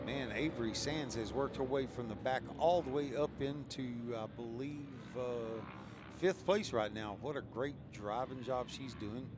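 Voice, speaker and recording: A man's voice: medium pitch, unhurried. A man giving live off-road race commentary as the announcer, in a folksy, rambling, enthusiastic way. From Texas, United States. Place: inside a trailer used as commentary booth. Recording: loud engine drone over the voice. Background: loud vehicle and engine noise.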